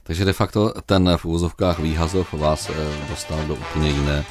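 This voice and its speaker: A man hosting a radio interview and asking his questions in a measured, formal way. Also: very deep voice, steady tone, music in the background. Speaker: radio host.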